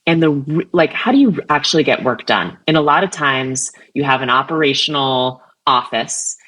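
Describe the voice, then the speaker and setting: A woman guest speaks on a business podcast in a bright, pressing tone. She talks in energetic, emphatic bursts and leans hard on key words. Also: rumbling low, normal speed, rough recording. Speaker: guest, CRM vice president. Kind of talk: podcast interview.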